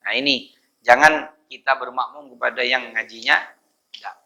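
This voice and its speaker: A man's voice: mid-range voice, fairly even intonation, normal speed, vocal fry, pushed and bright, lo-fi sound. A middle-aged man, teaching a religious study class in a chatty, joking way and chanting verses to show correct recitation.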